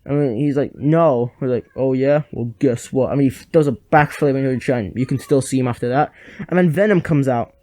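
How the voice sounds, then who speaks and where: A man's voice: medium pitch, a little fast, a little mellow, no echo. A young man giving a rambling, sarcastic comedic game review at a home microphone. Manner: rambling, sarcastic, lots of fillers.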